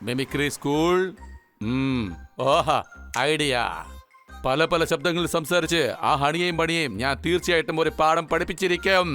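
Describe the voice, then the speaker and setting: A boastful cartoon prankster gloats over his schemes in a raised, bright, forceful voice. Music plays faintly behind him. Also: a little high, fairly even intonation, unhurried. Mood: scheming. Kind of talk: dubbed cartoon acting.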